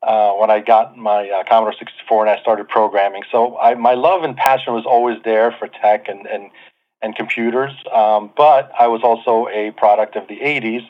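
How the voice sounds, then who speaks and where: A man's voice: fairly low pitch, fairly even intonation, normal speed. A man in his forties, born in Lebanon, telling his life story as an interview guest in a chatty, self-deprecating way with many fillers. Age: 40s. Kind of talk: casual interview talk. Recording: tinny phone-like line.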